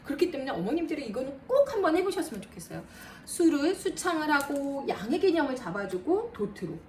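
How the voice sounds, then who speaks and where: A woman math tutor giving a lively lesson to parents, counting aloud and talking straight to mothers. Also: sits high, a little fast, recorded from a distance. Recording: roomy, a bit off-mic, faint noise.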